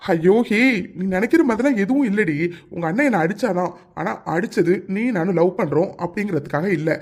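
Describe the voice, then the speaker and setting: A man's voice: high-pitched, a little fast, a little mellow. A man voicing a young male lover in a cartoon, who teases and scolds his fretful sweetheart. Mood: exasperated. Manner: teasing, scolding, exasperated. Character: teasing young male lover, exasperated but fond. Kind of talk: cartoon dialogue.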